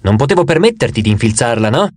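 A man's voice: mid-range voice, very animated, fast, darkish tone, dry recording, pitched below the performer's own voice. A man voicing a grey-haired swordsman in his fifties, an easygoing and matter-of-fact fencing instructor in an audiobook.

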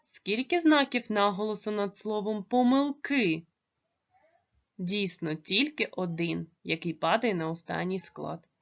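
A woman's voice: medium pitch, creaky. Careful-spoken woman teacher, slightly dull recording. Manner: slow, careful pronunciation when modelling words. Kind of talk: primary school lesson.

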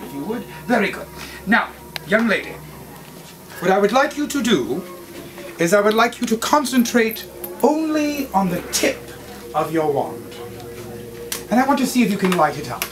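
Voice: mid-range voice, very animated, music in the background, close to an everyday voice. A performer playing a grand, mysterious wizard wandmaker. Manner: theatrical, drawn-out dramatic pauses, audience-addressing. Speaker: live show performer. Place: live venue with an audience. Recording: distant live recording with loud room noise.

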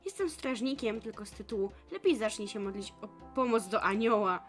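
A woman's voice: medium pitch, lively intonation, brisk, soft background music, close to an everyday voice. A woman reading aloud the lines of a curt, dismissive young male temple guardian spirit from a visual novel, in a voice close to her own. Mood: aloof.

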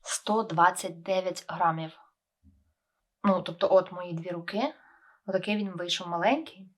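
Ukrainian woman vlogger, a bit under the weather, low-pitched, relaxed chatty delivery. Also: a little slow. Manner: relaxed, chatty, with many filler hesitations. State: slightly ill, voice affected. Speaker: knitting vlogger. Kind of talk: casual vlog talk.

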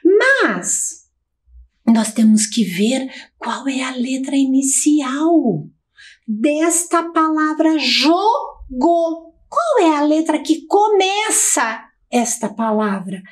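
Brazilian woman teacher for a kids' TV lesson, high and lively, slow and encouraging. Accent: Brazilian Portuguese. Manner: slow, sing-song, encouraging and explaining. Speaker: primary school teacher. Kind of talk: televised children's lesson.

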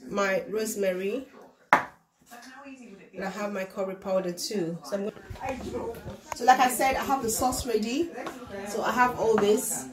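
A woman's voice: mid-range voice, unhurried, pauses often, crowd noise. A middle-aged woman from Nigeria talking through a home cooking demonstration step by step, checking that her listeners follow along. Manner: chatty, explains step by step, often checks in with "do you understand?". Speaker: home cook vlogger. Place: home kitchen, indoors. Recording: echoey kitchen with children chattering.

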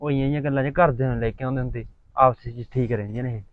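A man's voice: mid-range voice, fairly even intonation, rapid-fire, no room sound, close to an everyday voice. A young man plays a lovesick village lad, mournful and pleading. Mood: pushy pleading. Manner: mournful and pleading, dropping his voice. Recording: tinny phone-like sound.

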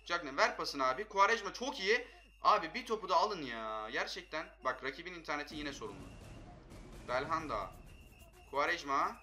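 A young man commentating his own mobile football match, excitable and quick to vent frustration at his players. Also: fairly high pitch. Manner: excitable, frustrated outbursts at teammates. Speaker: gaming channel host.

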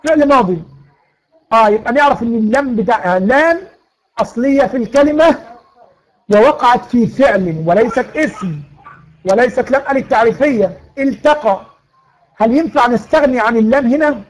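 Egyptian guy teaching tajweed online, really high voice, asks then answers himself, recites slow. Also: lively intonation, low-quality recording. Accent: Egyptian Arabic. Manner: explains patiently, asks and answers his own questions, recites verses slowly. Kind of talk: online lecture.

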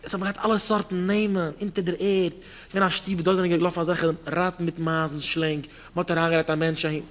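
A man's voice: on the high side, level tone, brisk. A man preaching with pointed questions. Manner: repeats pointed rhetorical questions, mixes in English words. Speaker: rabbi giving a Torah talk.

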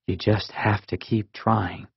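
A weary, gentle father from a children's storybook, spoken by a man reading aloud. He talks softly and evenly in a low, gravelly voice with a husky edge. The sound is dry and slightly dull. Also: flat delivery, no room sound, full character voice. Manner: soft-spoken and measured. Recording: dull lo-fi audiobook recording.

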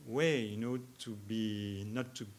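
Halting man answering questions. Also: lowish voice, slight background noise. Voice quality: halting, many restarts and stammers. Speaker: keynote speaker answering questions. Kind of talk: academic Q&A answer. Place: lecture hall.

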